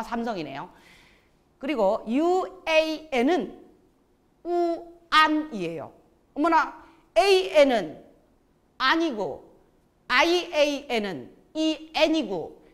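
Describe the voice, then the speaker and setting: A woman teaches a pronunciation lesson and drills each sound. Her voice sits a little high and rises and falls in a lively way. She cues the class to repeat after her. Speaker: Chinese language teacher.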